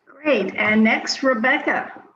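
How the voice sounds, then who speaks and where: A woman's voice: a little high, takes it slowly, fairly bright tone, slight background noise. A woman introducing panelists one by one over a video call, in a businesslike manner. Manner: brief, businesslike hand-offs. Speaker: program manager chairing a grant panel. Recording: dull lo-fi video call audio.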